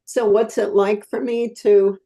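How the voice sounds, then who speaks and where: A woman in her seventies, a support group member, sharing her experience in a slow, heartfelt way over a video call. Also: mid-range voice, little pitch movement, dark tone, poor audio. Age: 70s.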